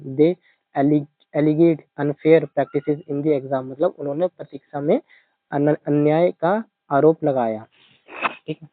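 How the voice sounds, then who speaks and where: A man teaching exam vocabulary, speaking Indian-accented English and repeating each word slowly while he explains memory tricks. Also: a little high, no echo. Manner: mixes English terms into Hindi explanations. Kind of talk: exam-prep vocabulary lesson. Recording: dry, tinny phone-like sound.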